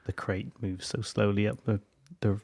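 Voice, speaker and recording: Male co-host, deep and gravelly, dry close mic, rambling chat. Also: little pitch movement, moderate pace, darkish tone, no echo. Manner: rambling, self-interrupting. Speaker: podcast co-host. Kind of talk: casual film discussion.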